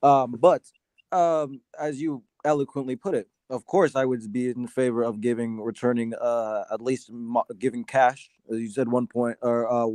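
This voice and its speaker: A man from Sudan arguing his side in a casual debate, halting often with fillers and restarts. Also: mid-range voice, steady tone, a little mellow, no room sound. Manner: hesitant, many fillers and restarts. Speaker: debate guest.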